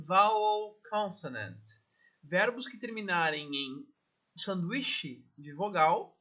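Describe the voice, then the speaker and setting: High, lively Brazilian teacher. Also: male voice, lo-fi sound. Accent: Brazilian Portuguese. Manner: explains step by step, checks in with "tá?" and "né?" constantly. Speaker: English teacher. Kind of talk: recorded grammar lesson.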